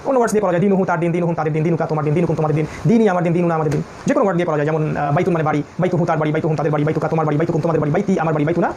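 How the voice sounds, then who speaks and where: A man teaching a classroom review lesson on Quranic Arabic, drilling word lists in quick repetitive chants. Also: on the high side, fairly even intonation, a little mellow, slight background noise.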